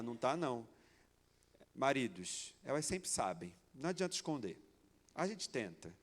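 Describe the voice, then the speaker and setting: A man from Brazil preaching a sermon, telling a personal story with acted dialogue in an animated, theatrical way. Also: fairly high pitch. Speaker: pastor. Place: church sanctuary. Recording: long church hall reverb.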